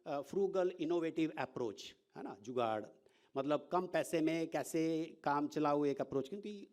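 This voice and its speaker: A male professor giving an informal lecture, animated and often checking in with rhetorical questions, mixing English words into his speech. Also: a little high, a little slow.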